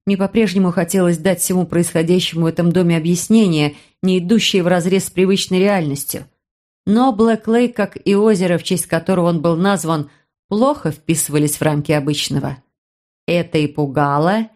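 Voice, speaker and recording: Woman narrating with a lowish voice. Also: fairly quick, darkish tone. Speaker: audiobook narrator. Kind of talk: first-person scripted narration.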